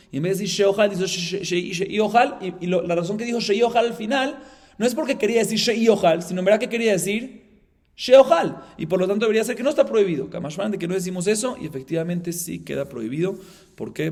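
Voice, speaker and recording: A man, a rabbi, giving a Talmud class, explaining fast and acting out the case dialogue, then dropping to a low murmur to read the Aramaic. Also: gravelly, darkish tone. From Colombia.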